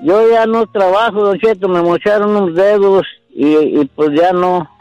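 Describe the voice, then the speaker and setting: A man in his sixties speaks softly and hesitantly as a caller on a radio show. His voice sits rather high. The line sounds dull and lo-fi, with a dry and close sound. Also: moderate pace, clean tone, no echo, faint music behind. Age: 60s. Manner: soft-spoken, hesitant, polite. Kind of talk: phone call to a radio show.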